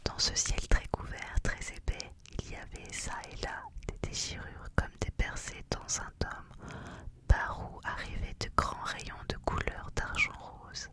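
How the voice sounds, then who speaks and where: The voice is a soft, breath-only whisper with no spoken tone in it. It reads literary prose as an ASMR narration, keeping to a hushed library whisper from phrase to phrase. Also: a little slow. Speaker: reader.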